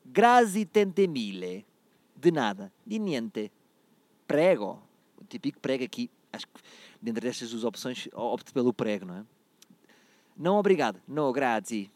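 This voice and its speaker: A man's voice: mid-range voice, big pitch swings, measured pace, dry recording. A man from Portugal with a European Portuguese accent, hosting a comic podcast and playfully reading phrases in a mock-Italian voice. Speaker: podcast host. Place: out and about, travelling.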